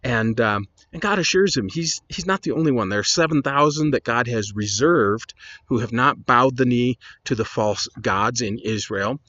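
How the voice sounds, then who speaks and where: A man's voice: mid-range voice, normal speed, fairly bright tone, no room sound, highs cut off. A man, a pastor, retelling Bible stories in a casual, conversational lesson with chatty asides.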